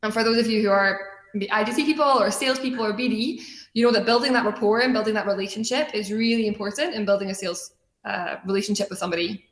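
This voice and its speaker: Fast and fairly bright, a mid-range female voice carries this keynote talk by a young adult woman from Scotland who heads a student organization. She shares a personal story to motivate listeners, in an earnest, conversational tone, and the room has noticeable echo.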